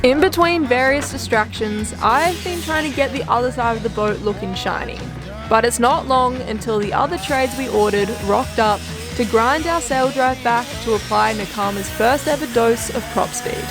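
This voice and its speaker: A woman narrates a sailing vlog in a casual, matter-of-fact, upbeat way, her voice sitting a bit high. Clear music plays underneath her. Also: moderate pace.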